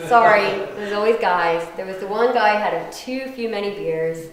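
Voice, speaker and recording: A woman violinist with a medium-pitched voice chats casually at a moderate pace with a live audience between pieces at a house concert venue. She laughs and tells stories, and the room sounds echoey.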